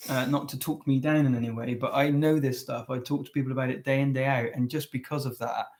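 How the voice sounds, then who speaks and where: A man's voice: medium pitch, fairly even intonation, fast talker, a little mellow. Man, co-host, earnest coaching tone, mid-range voice, casual webinar talk. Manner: earnest, conversational, many restarts. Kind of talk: casual teaching chat.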